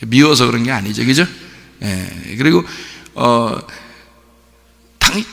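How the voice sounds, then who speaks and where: Male pastor, gravelly and bright; chatty sermon with rhetorical questions, church reverb. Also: mid-range voice, expressive, a little slow. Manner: conversational preaching, frequent rhetorical questions. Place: church sanctuary. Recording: long reverb in a church hall.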